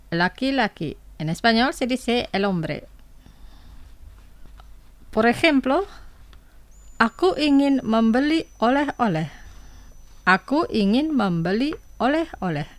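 Slow, careful woman radio teacher. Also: on the high side, no echo. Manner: slow, careful, repeats each word twice. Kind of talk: scripted educational radio.

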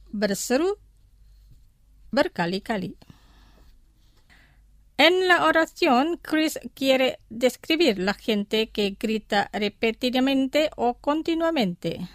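A woman hosting a scripted language lesson, saying each word twice and then explaining it in a slow, deliberate way. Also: on the high side, no room sound, clean studio sound.

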